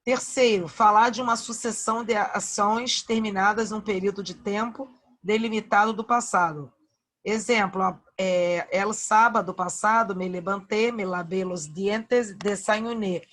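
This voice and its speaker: A woman's voice: medium pitch, steady tone, a little slow, a bit bright. A woman teacher with a Brazilian Portuguese accent takes an online class through verb conjugations one by one. She speaks patiently and repeats each form. She checks in often with short questions to her students. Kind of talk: online Spanish grammar lesson.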